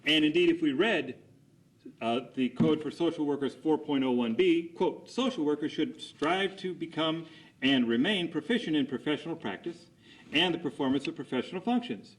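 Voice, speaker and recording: A man's voice: a little high, animated, normal speed, low-quality recording. A man conducting a cross examination as an attorney, putting formal, methodical leading questions and seeking agreement after each statement.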